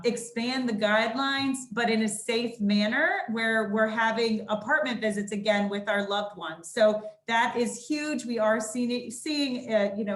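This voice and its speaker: A woman speaking through a face mask, giving a welcoming presentation as a sales and marketing director on a video call. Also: on the high side. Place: indoors at a senior living community, on a video call. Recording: roomy echo.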